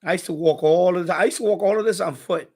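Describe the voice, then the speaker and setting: A middle-aged Puerto Rican man, a live streamer and radio hobbyist, chats casually on a livestream, rambling and often repeating himself. His voice is high-pitched, fast, and darkish with a breathy edge.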